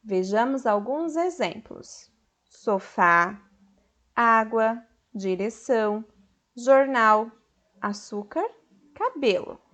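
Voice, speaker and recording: A woman teacher with a Brazilian Portuguese accent, giving a recorded school lesson slowly and clearly, stretching the stressed syllables of her example words. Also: on the high side, a bit bright. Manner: slow, clear, patient explaining to children.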